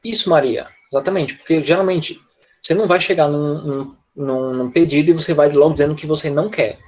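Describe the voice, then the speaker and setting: Brazilian male English teacher, slightly high, husky voice; patient explainer who keeps checking in. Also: brisk, darkish tone, poor audio. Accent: Brazilian Portuguese. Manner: patient, repeats "tá?" and "né?" to check understanding. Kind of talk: online class explaining grammar in Portuguese.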